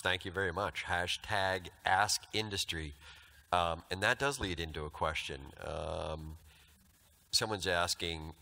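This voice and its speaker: A man's voice: deep voice, bright, forceful tone. A man moderating an onstage conference interview, reading audience questions with hesitant restarts. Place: large conference hall stage.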